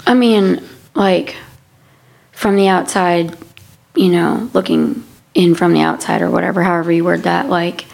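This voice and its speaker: A woman in a casual faith-centred conversation in a church prayer room, speaking in halting, circling sentences. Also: on the low side, steady tone, creaky, darkish tone. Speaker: podcast conversation partner.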